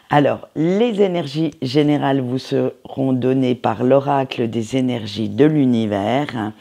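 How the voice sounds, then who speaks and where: Slow, gravelly woman reading tarot cards. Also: a bass voice, warm tone. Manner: unhurried, chatty, many hesitations and tag words. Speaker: tarot card reader. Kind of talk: weekly tarot energy reading.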